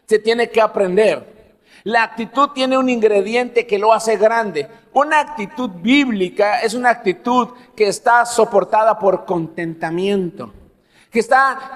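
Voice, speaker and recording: A man preaching a sermon as pastor, telling personal stories and asking the congregation questions. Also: high-pitched. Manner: animated, laughs at own stories, asks the congregation questions. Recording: long hall reverb.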